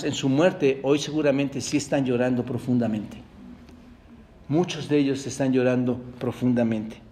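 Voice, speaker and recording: A man preaching a sermon as pastor, asking his listeners rhetorical questions and calling them brothers, often repeating and restarting words as he builds to loud emphasis. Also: on the high side. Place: church service.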